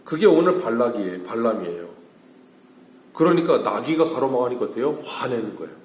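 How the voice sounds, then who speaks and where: A man's voice: mid-range voice, very animated, a little fast, darkish tone, roomy sound. A man preaching at an early-morning church service. He asks the congregation questions and then answers them himself. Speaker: pastor. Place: church sanctuary.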